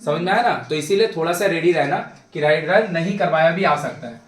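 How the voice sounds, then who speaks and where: A man's voice: on the high side, a little fast, recorded from a distance. A man teaching a geometry class, chatty and joking, talking to his students in a familiar way. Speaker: math tutor. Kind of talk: classroom lecture. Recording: echoey classroom, voice off-mic.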